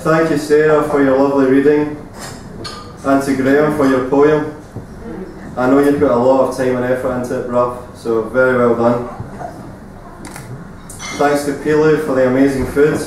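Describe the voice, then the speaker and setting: A man's voice: medium pitch, flat delivery, normal speed, pauses often, a little mellow. A man giving an informal, appreciative thank-you speech as the groom at his wedding. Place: large echoey venue at a wedding reception. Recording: very noisy, echoey, distant event recording.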